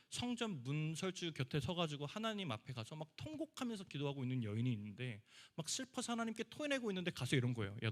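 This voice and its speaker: Korean young man preaching conversationally. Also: mid-range voice. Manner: conversational preaching, acts out quoted voices. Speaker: youth pastor. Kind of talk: sermon. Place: church basement hall.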